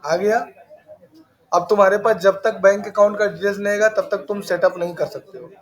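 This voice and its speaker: High-voiced man teaching a class. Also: fairly even intonation. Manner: brisk, scolding, chatty asides. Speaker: computer teacher. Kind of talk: live classroom instruction. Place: small computer classroom with students.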